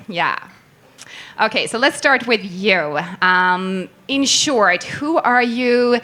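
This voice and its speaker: Woman panel moderator with a bright, forward voice, effusive and upbeat. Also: mid-range voice. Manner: enthusiastic, effusive. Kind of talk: live panel discussion. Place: event room with a live audience.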